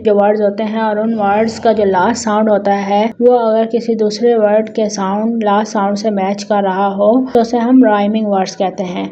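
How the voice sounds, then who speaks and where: A woman teaching a textbook lesson, reading slowly and explaining quickly in Hindi. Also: medium pitch, warm tone, muffled recording. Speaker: English tutor.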